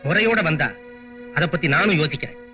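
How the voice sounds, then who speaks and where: An actor playing a poor, proud, protective father, speaking gravely in a film drama. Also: on the high side, fairly quick, bright, forceful tone, soft background music. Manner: grave, pleading. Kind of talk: film dialogue.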